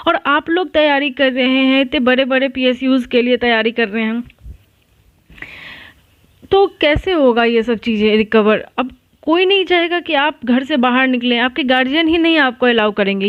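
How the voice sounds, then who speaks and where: A woman's voice: sits high, no room sound, lo-fi sound. A woman educator talking casually and reassuringly to exam students, often restarting and correcting herself mid-sentence. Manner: reassuring, chatty, frequent restarts and self-corrections. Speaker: online exam-prep educator. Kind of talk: casual advice talk to students.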